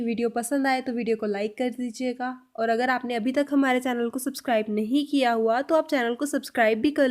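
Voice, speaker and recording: A woman with a fairly high voice leads a spoken language lesson. She explains clearly and patiently, addressing her viewers directly. She says each example sentence at a slow pace and repeats it. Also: a little mellow. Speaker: language teacher.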